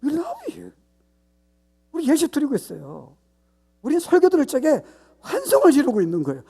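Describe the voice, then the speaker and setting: A man voicing a crowd of self-assured worshippers, in a shrill, exaggerated mock cheer. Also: wildly swooping pitch, moderate pace, gravelly, warm tone, full character voice.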